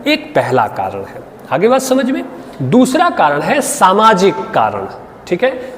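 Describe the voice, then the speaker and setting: A teacher gives an exam-prep lecture to students. He keeps stopping to check that they follow. His high, very lively voice rings out in a long-reverb room. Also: a little hiss or hum. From Bihar, India. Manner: explains with frequent checks and tag questions. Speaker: Hindi literature teacher.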